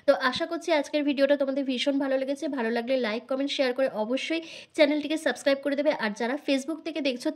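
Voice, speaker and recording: A hoarse woman with a Bengali accent from India, giving a skincare tutorial to her viewers as a vlogger. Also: sits high. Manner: brisk, instructive, addresses viewers directly. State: hoarse from illness. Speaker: beauty vlogger.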